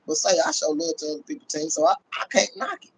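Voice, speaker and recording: His voice sits a little high, with a fairly bright, slightly rough tone, and he talks quickly. A middle-aged Cowboys fan and livestream host, he banters casually about sports in slangy, profane terms, leaning on pet catchphrases. He's in a small room indoors, close to a phone mic.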